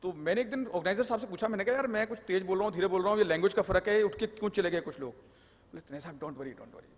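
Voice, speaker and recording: Joking high-voiced man lecturing in a hall. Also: rapid-fire. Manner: joking, explanatory, mixes English terms. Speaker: tax law speaker. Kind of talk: live lecture with anecdotes. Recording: long hall reverb.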